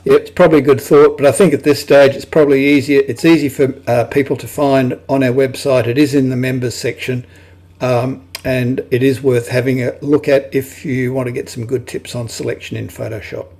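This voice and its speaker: A man hosts an online club meeting and chats apologetically over a video call. His voice sits at an ordinary middle pitch. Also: little pitch movement, brisk, darkish tone. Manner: apologetic, chatty. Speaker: meeting host.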